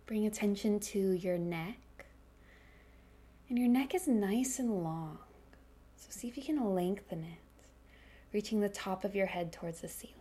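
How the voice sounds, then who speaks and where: A woman leading a guided meditation in a soft, breathy, calming near-whisper. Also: medium pitch, a little slow, pauses often. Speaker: meditation instructor.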